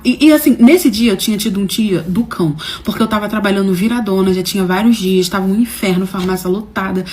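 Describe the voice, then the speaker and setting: A woman telling a personal story to her viewers, animated and dramatic, with slangy phrasing and swings between loud and soft. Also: a little high. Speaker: storyteller host. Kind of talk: casual storytelling to camera.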